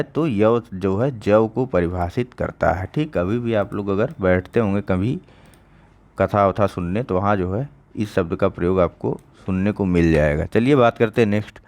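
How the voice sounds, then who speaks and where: A man with a fairly low voice teaches an online exam-prep lesson. He talks in a casual, chatty way, repeats each answer and often stops to check that his students are following. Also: normal speed, a little mellow. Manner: conversational, repeats key answers, checks understanding with "ठीक".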